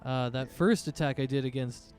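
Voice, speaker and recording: A man's voice: medium pitch, normal speed, darkish tone, faint music behind. A man working as game master, casually narrating a tabletop fantasy game and thinking aloud as he goes.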